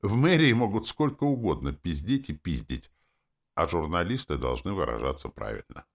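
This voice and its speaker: A man's voice: sits low, very animated, moderate pace, vocal fry, exaggerated voice. A man reading an audiobook, voicing a stern, self-assured young male soldier who grumbles and lectures like a know-it-all. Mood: lecturing. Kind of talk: audiobook character voice.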